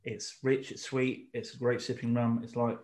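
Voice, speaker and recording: A man's voice: medium pitch, monotone, moderate pace, a little mellow. A middle-aged man co-hosting a casual drinks podcast, explaining at length with many restarts. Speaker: podcast co-host. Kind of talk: casual chat about drinks tasting.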